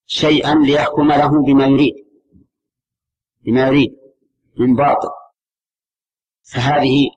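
Man teaching a measured religious lesson. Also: mid-range voice, husky, poor audio. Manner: measured, repeats key terms, asks the class questions. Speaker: Islamic scholar teaching a class.

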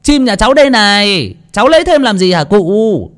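A man's voice: a little high, very animated, moderate pace, a little mellow, pitched above the performer's own voice. A man voicing a cheeky, clever peasant boy in a folk tale, with a cocky, mocking way of talking.

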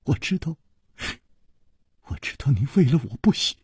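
A man's voice: on the high side, animated, rapid-fire, mellow, breathy edge, no echo, clean studio sound, voice pushed up. Man doing a stammering, pleading young woman. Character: anxious young woman, pleading for her lover.

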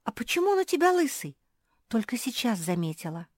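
A woman's voice: a little high, very animated, a little fast, no echo, clean studio sound, voice pushed up. A woman voicing a teasing, giggly young pug girl in a children's story.

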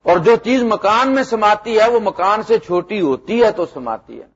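A middle-aged man preaching a sermon, animated, with loud emphatic lines that drop to low asides. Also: breathy edge. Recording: muffled lo-fi lecture recording.

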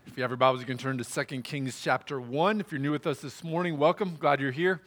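A man preaching a verse-by-verse sermon in a church, earnest and steady, with a prayer woven in. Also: mid-range voice, fast. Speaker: pastor. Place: church sanctuary.

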